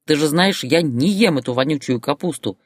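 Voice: medium pitch, moderate pace, dry recording, studio quality, natural voice. A narrator voicing a roaring enraged husband. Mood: raging. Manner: roaring, barking, insulting. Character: furious bullying husband, adult man. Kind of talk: audiobook character voice.

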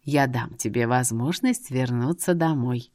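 A woman's voice: very deep voice, a little mellow, no echo, clean studio sound, voice pushed down. A woman putting on a sly old bearded seer. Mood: coaxing. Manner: slow, drawling, teasing.

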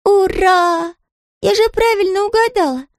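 A woman reading aloud and voicing a tiny, fluffy yellow chick girl who is curious and chatty, with a squeaky voice and a stream of eager questions. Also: lively intonation, moderate pace, dry recording, clean studio sound.

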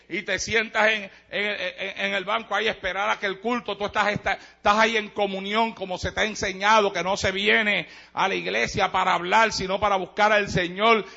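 A man pastor with a Puerto Rican accent, preaching in an emphatic, joking way with sudden shouts. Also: sits high, vocal fry. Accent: Puerto Rican Spanish. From Puerto Rico. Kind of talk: sermon. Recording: dull lo-fi sermon recording.

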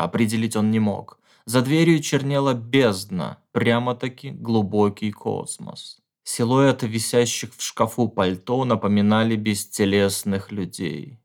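A man reading a horror story aloud, with measured, tense storytelling and hushed pauses. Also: fairly low pitch. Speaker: audiobook reader. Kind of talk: dramatic horror narration.

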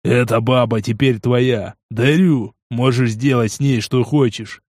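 Dude doing a sneering gang boss, slow and cold, dry audiobook recording. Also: male voice, medium pitch, steady tone, darkish tone, no room sound, lightly acted. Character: cruel cold male gang boss, scornful and cynical. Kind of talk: audiobook character voice.

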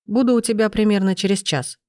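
A woman reading the part of an enraged, powerful man who speaks low and threateningly. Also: fairly even intonation, quick pace, a little mellow, no echo, studio quality, lightly acted. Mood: calm.

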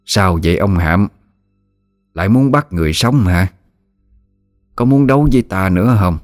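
A man's voice: deep voice, moderate pace, a little mellow, faint music behind, natural voice. A man voicing a commanding older woman of the forest who speaks in a hearty, teasing way. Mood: challenging.

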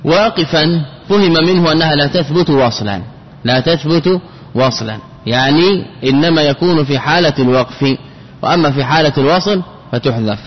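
A man's voice: fairly high pitch, moderate pace, husky. Man lecturing in a reverberant hall. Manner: asks rhetorical questions and repeats key phrases. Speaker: grammar teacher. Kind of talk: classroom lecture on Arabic grammar. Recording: dull lo-fi recording with long hall reverb.

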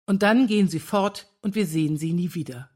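Woman reader doing a sad, bitter male librarian-scholar in a read-aloud story; keep the voice lowish. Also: brisk, a little mellow, lightly acted. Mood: gloomy. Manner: gloomy, bitter. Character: melancholy man, scholar and librarian.

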